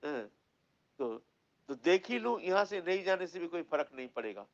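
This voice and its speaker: A man telling a devotional story as a sermon, animated and repetitive, asking his listeners questions. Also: sits high, moderate pace, muffled recording. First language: Bengali. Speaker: religious storyteller.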